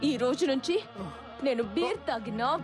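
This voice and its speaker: A woman's voice: high voice, animated, unhurried, over music. An actress playing a brash, melodramatic young woman in a film comedy.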